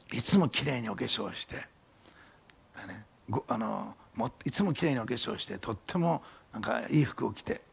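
Man, pastor, fast sermon, husky gravelly voice. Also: mid-range voice. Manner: animated storytelling, drops to whispers for emphasis. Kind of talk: sermon with testimony.

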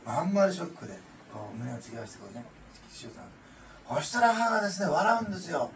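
Gravelly-voiced man preaching in an echoey hall. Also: on the high side, animated, quick pace, a bit bright. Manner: earnest, emotional storytelling with frequent "ne". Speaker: pastor. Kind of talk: testimony sermon. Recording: echoey room, distant mic, noisy.

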